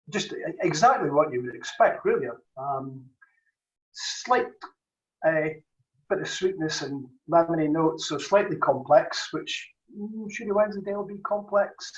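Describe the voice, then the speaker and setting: A man judging cheese, thinking aloud and weighing his words in a casual tasting commentary. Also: fairly high pitch. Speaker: cheese judge. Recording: distant, roomy, dull video-call audio.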